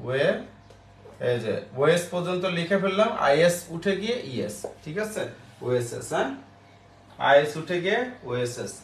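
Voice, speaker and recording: A man teaching an online English grammar class, spelling words out slowly and checking with the class after each step. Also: a little high. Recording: roomy echo.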